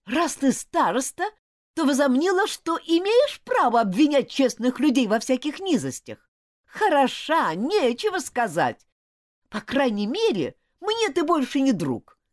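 A woman's voice: mid-range voice, huge pitch swings, moderate pace, no room sound, studio quality, voice pushed up. A woman reading an audiobook, voicing a proud, hot-tempered schoolboy who talks in an indignant, clipped, scornful way.

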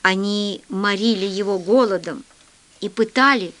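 A woman voicing a calm, caring male professor who speaks quietly and gravely. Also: medium pitch, measured pace, lightly acted.

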